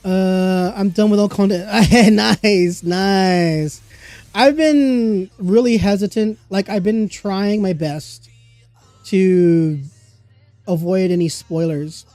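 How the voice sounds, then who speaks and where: A streamer greets viewers in a casual livestream, making upbeat small talk and giggling often while sounding stuffy from a cold. The mid-range voice is slow and darkish, captured on a desktop streaming microphone with no echo and faint background music.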